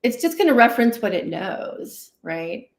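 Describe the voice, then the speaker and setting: Very animated and on the high side, moving at a moderate pace, she talks as a guest therapist and licensed clinical social worker in a livestream interview, explaining conversationally, dramatizing inner dialogue and regularly saying "right?". The space sounds roomy and echoey.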